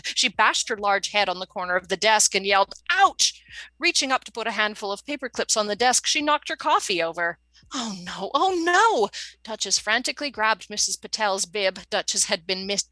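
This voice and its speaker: A woman author reading her own fiction aloud with lively expression, then chatting as a guest on a live stream. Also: no echo, low-quality recording. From Canada. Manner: lively expressive reading, voicing characters with big jumps in pitch.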